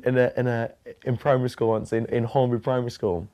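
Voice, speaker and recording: A man's voice: mid-range voice, level tone, warm tone. A young man from northern England, rambling and hesitant as he recalls his childhood in an interview. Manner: rambling, hesitant, many fillers, bursts of quick talk. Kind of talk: reminiscing about childhood.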